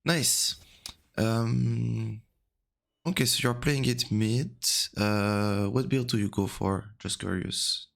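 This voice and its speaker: Casting: man, deep and gravelly, just woke up, soft rambling coaching talk, close mic. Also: fairly even intonation, takes it slowly. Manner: soft-spoken and rambling, many fillers. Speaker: game coach. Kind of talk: casual coaching call. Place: home room at night.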